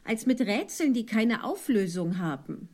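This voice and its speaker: Woman voicing a polite storybook girl, high, lively, careful and unhurried. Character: polite, puzzled young girl Alice. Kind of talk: audiobook drama reading.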